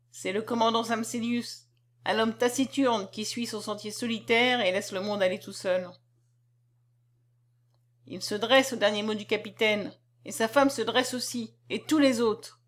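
Expressive woman reading a novel aloud. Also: on the high side. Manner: dramatic, expressive storytelling. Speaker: narrator. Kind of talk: literary reading.

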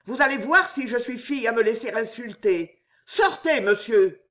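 Storybook young noblewoman, high and very expressive, slow and pleading, read by a woman. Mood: indignant. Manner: pleading, then fiercely indignant. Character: young noblewoman, desperate and proud. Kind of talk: audiobook character reading.

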